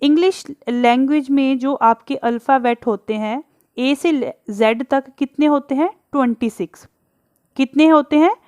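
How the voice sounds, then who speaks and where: A woman's voice: high-pitched, steady tone, normal speed, a little mellow, dry recording, clean studio sound. A woman teacher patiently explaining English grammar in Hindi, asking the class questions and answering them, drawing out letters and examples.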